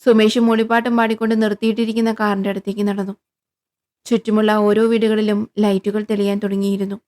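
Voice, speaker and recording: A woman narrating a horror story in a steady, scripted reading. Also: medium pitch, quick pace.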